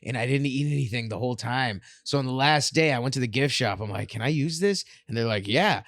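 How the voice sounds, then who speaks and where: A man's voice: mid-range voice, fairly quick, a bit bright, no room sound, clean studio sound. A man co-hosting a podcast in easygoing casual chat, calling his friend bro and dude. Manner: laid-back, says "bro" and "dude" a lot. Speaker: podcast co-host.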